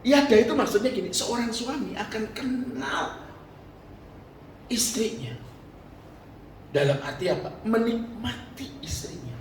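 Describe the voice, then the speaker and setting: A man's voice: very high voice, animated, measured pace, pauses often. A man preaching a sermon as pastor, joking and often asking the congregation questions. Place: church hall. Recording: distant, echoey church hall with faint noise.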